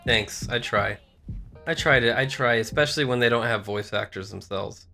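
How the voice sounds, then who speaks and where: A man riffs his way through a horror game playthrough. He talks in a rambling, joking way with a bright, forward tone. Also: medium pitch, normal speed, gravelly, soft background music. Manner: jokey, rambling. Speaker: gamer. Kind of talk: casual game commentary.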